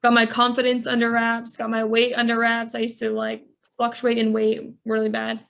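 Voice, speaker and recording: A woman with a fairly high, gravelly voice speaks as a life coach on a podcast. She tells her story earnestly, leaning on casual "like" fillers, and her pitch stays flat and level throughout. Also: normal speed. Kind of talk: podcast interview.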